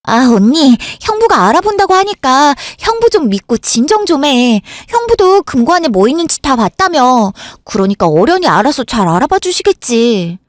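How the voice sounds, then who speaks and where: A woman's voice: sits high, sing-song, dry recording. A woman doing a breezy, offhand younger sister. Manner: brisk, offhand, brushes things off. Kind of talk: Korean radio drama acting.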